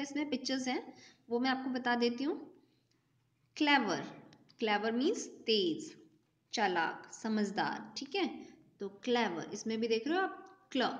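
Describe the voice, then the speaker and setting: A woman's voice: fairly high pitch, muffled recording. A woman teacher, giving a class lesson patiently, asking questions and answering them herself.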